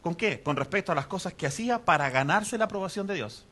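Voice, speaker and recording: A man preaches a sermon in a bright, forceful voice that sits a little higher than most men's. He keeps it conversational, putting questions to the congregation as he goes. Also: expressive, quick pace. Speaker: pastor.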